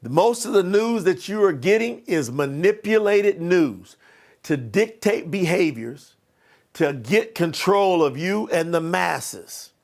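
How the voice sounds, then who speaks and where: Gravelly high-voiced male motivational coach. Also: animated, slow pace. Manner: emphatic, preachy, repetitive. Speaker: life coach. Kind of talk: motivational training talk.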